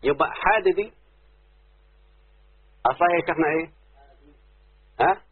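The teacher, a man with an Egyptian Arabic accent, speaks at a moderate pace in a fairly high, breathy voice. He is giving a classroom lesson on word forms, constantly testing his students with repeated questions, and the audio is tinny and phone-like lo-fi.

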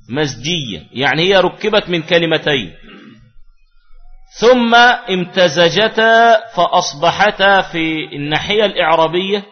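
A man teaching Arabic grammar in a classroom lesson, explaining step by step and answering his own questions. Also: high voice. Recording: dull lo-fi recording with faint music.

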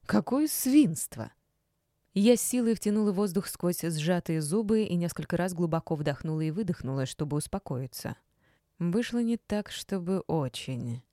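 Low, mellow woman narrating a story. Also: no room sound, studio quality. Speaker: audiobook narrator. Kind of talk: first-person audiobook narration.

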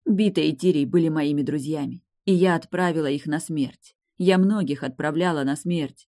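A woman's voice: low-pitched, normal speed, dark tone, no room sound. A reader voicing a grieving, furious woman guard officer, in an audiobook with a dry sound. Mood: bitter. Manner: bitter, outraged outbursts. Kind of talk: audiobook dialogue reading.

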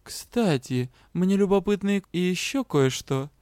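A man voicing a sly, teasing female ghost with a wry, unhurried manner. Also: high-pitched, lively intonation, a little mellow, dry recording, clean studio sound, pitched above the performer's own voice.

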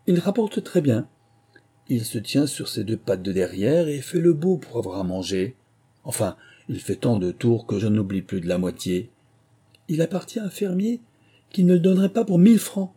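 A man's voice: on the low side, mellow, breathy edge. A man voicing Alice, a curious and polite young girl, in a storybook reading, with a raised, eager and pleading tone.

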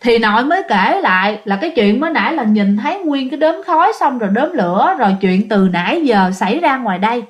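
A woman's voice: on the high side, lively intonation, quick pace, few pauses, muffled recording. A woman narrating a ghost story, talking directly to listeners in a repetitive, conversational way.

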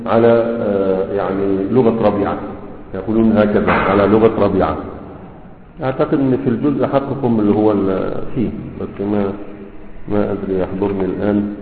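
A man leads a classroom lesson, reading out a text and then patiently unpacking it. He keeps pausing to check that his students are following. His voice comes through thin and phone-like, with a long echo around it as if recorded in a big hall. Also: fairly low pitch. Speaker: sheikh teaching Arabic morphology. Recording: tinny, phone-like sound in a long echoing hall.

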